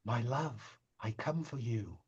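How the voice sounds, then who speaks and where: A man voicing a loving, ominous spirit of the sea, soft and slow, in a tabletop game. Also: mid-range voice, breathy edge, dull audio. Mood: tender, eerie.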